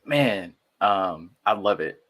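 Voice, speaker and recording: A man's voice: low voice, lively intonation, slow pace, fairly bright tone. A man from the Philippines raised in San Jose, California, speaking as a guest in a casual podcast conversation, easygoing and full of "you know what I'm saying.". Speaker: podcast guest, artist and musician.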